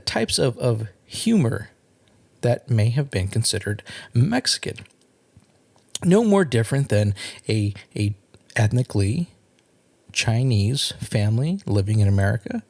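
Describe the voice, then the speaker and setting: Podcast host, male, gravelly voice that rises and falls widely, earnest solo monologue. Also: fairly low pitch, darkish tone. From California. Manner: earnest, measured, with repeated restarts.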